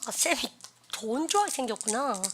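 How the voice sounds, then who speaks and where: Lady teacher, chatty grammar lecture, makes the class repeat after her, kinda high voice. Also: big pitch swings, brisk, background noise.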